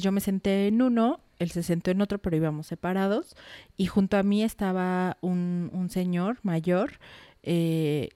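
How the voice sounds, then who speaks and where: A woman's voice: lowish voice, mellow, smooth, dry recording. A woman, a podcast guest candidly telling a personal story with frank, mildly salty words. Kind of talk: casual podcast conversation.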